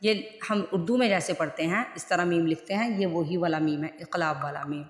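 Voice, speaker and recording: A woman with a fairly low voice teaches Quran recitation rules. She goes over each point more than once and puts questions to the listener. The room is echoey, with a long reverb tail. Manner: repeats points and asks questions to the viewer. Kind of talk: online recitation lesson.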